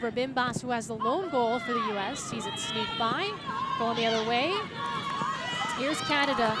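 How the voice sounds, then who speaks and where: A woman giving live play-by-play commentary on a soccer match. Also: on the high side. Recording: loud crowd and outdoor stadium noise. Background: noisy outdoor stadium crowd.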